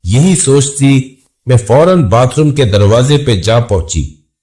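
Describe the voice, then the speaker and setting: A man narrating a scripted first-person horror story in a measured, suspenseful way. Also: medium pitch, expressive, mellow.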